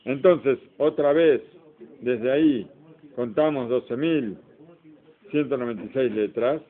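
A man's voice: medium pitch, takes it slowly. A man teaching an informal Torah class, explaining step by step and asking the class questions. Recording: tinny phone-like recording.

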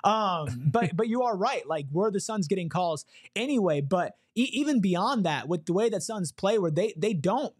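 A young man hosting a casual sports podcast, animated and joking as he tosses questions to his guests. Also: high-pitched, moderate pace, hardly any pauses, breathy edge, dry recording, studio quality. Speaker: podcast host. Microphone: podcast microphone on a boom.

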